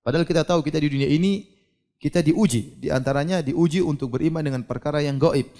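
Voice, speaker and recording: This preacher talks fast in a slightly high voice during his religious lecture. Lively and inquisitive, he poses questions to the audience and performs scenes for them.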